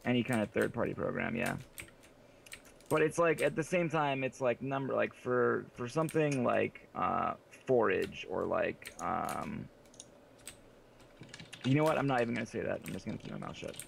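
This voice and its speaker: Teasing man with a gravelly voice. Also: mid-range voice, expressive, normal speed, slight background noise. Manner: teasing, joking; uses fillers and profanity. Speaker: podcast co-host. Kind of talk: casual podcast banter.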